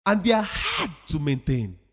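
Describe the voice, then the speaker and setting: At a moderate pace, a man with a high, husky, somewhat bright voice gives a motivational talk full of huge pitch swings. He is emphatic and preachy, repeating phrases for effect, and a long reverb hangs on the sound as in a hall.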